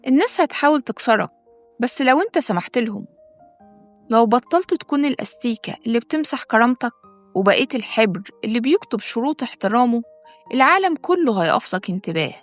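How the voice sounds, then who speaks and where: A woman with an Egyptian accent, reading a scripted self-help talk in a calm, measured way and speaking straight to the listener. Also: a little high, faint music behind. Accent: Egyptian Arabic. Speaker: self-help channel host. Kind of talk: scripted motivational narration.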